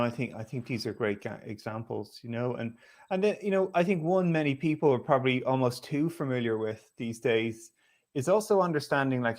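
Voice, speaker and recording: A man with an Irish accent hosting a relaxed conversation, talking in a chatty way with lots of fillers and restarts. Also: mid-range voice. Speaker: host. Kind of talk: casual conversational talk.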